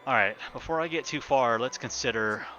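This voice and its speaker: A man's voice: medium pitch, a little fast, muffled recording, faint music behind. A man streaming a building game live, chatting casually to himself and his viewers as he builds. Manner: relaxed, talks to himself while building, chats with viewers.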